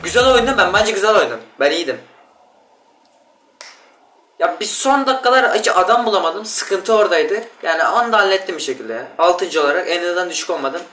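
A man giving casual gameplay commentary, excitable and yelling in bursts during fights, talking to the other players. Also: high-pitched, a little fast, distant mic, a little hiss or hum. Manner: talks to other players and teammates. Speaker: gaming YouTuber. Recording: roomy sound, off-mic, loud game music. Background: game music and gunfire.

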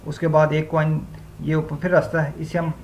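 A gaming channel host walks viewers through a level step by step in a fairly high-pitched male voice. He keeps circling back to the same filler phrases as he explains each move. A faint hiss of background noise sits under the recording. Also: completely flat delivery, normal speed, darkish tone. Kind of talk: gameplay walkthrough commentary.

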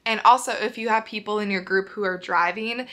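Bright bubbly woman with a Minnesota accent. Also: mid-range voice, a little fast. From Minnesota, USA. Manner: bubbly, rambling, heavy use of "like", frequent laughs. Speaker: vlogger. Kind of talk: casual chatty advice vlog. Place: her apartment.

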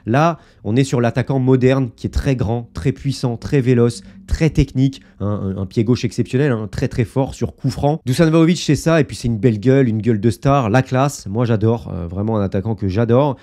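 A football YouTuber hosts a casual video, sharing opinions and analysis with his viewers full of fillers and asides. His medium-pitched, dark-toned voice moves at normal speed with few pauses.

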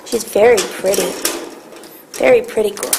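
A woman presenting a shelter cat, chatting casually and slipping into soft baby talk with the animals. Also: medium pitch, normal speed, vocal fry, background noise. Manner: chatty, coos and baby-talks to the cats. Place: animal shelter room with cages.

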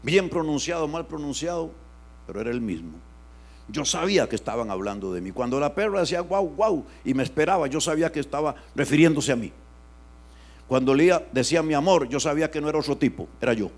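A man pastor, preaching an animated sermon that swings from loud outbursts to hushed asides. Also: a little high, fast talker.

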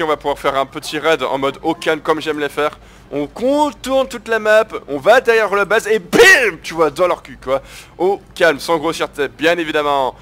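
A man's voice: mid-range voice, a bit bright, slight background noise. A man hosting his gaming video, talking viewers through a strategy match in a casual, crude, chatty way. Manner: chatty, crude slang, keeps addressing viewers as guys. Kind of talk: casual live gameplay commentary.

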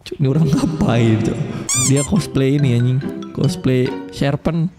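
A young man with giving loud, swearing, jumpy Minecraft commentary and teasing his co-player. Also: medium pitch, a little slow, music in the background. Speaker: gaming YouTuber. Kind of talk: excited casual Minecraft commentary.

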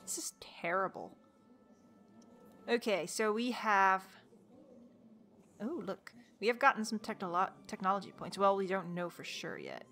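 A woman's voice: mid-range voice, sing-song, brisk, hardly any pauses, fairly bright tone, a little hiss or hum. A woman casually commenting on her strategy game, exasperated and joking, talking to the characters and laughing often. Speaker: let's play gamer.

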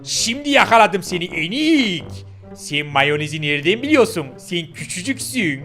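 A man with a high, bright voice who talks bluntly and keeps exclaiming in surprise, with casual swearing thrown in. He voices his own animal character in a gameplay role-play, over faint game music. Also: very animated, normal speed. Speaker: gaming YouTuber voicing his character.

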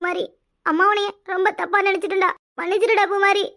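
A woman voicing a domineering, scheming middle-aged village mother in a cartoon, with a Kanyakumari Tamil accent, scolding fast and loud. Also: flat delivery. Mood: remorseful. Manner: shrill, scolding, fast, rising to yells. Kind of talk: cartoon voice acting.

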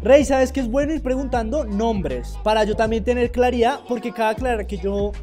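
Presentador joven de voz suave. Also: male voice, very high voice, moderate pace, faint music behind. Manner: relaxed, chatty questioning. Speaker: host. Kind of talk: casual chat. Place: studio set with plants, indoors. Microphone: lapel mic.

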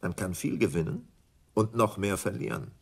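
A male actor takes the part of a smooth English stockbroker with schemes in a German radio crime drama, talking in a deliberate, condescending manner. His fairly low voice is animated and exaggerated. He sounds confiding and cool.

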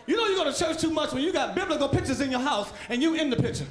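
A man doing a loud, animated stand-up set, acting out characters and shouting sound effects into a handheld mic on a comedy club stage. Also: very high voice, rapid-fire. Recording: echoey club recording with crowd laughter and noise. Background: audience laughing.

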